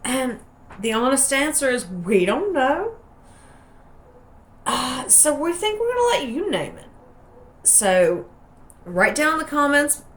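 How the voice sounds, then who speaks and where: A soap maker hosts her craft channel, chatting in a playful, rambling, folksy way with an Appalachian hillbilly accent. Her voice sits a little high, and there's a slight hiss or hum on the recording.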